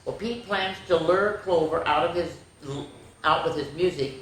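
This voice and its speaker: A woman with a low voice reads picture books aloud at a moderate pace during children's story time, playful and expressive, pausing for chatty asides to her young listeners. The recording is very echoey and carries faint noise.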